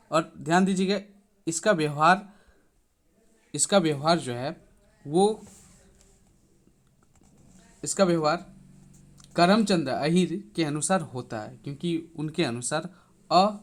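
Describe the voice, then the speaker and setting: Man teaching a grammar lesson. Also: fairly high pitch. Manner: repeats "thik hai" after each point; reads out rules, then explains them slowly. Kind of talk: Hindi exam-prep grammar lesson.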